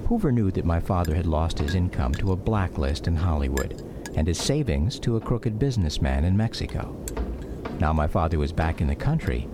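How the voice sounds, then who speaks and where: In a radio drama, an American-accented actor plays a grown son reflectively narrating his childhood memories in scripted first-person memoir. His low voice is animated and moderately paced, the recording very noisy, with music under him.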